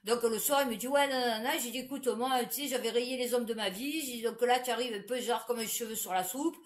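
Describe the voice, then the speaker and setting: A woman's voice: on the high side, a little fast. Blunt woman, crude and chatty. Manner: blunt, crude, laughs often. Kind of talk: casual storytelling to camera.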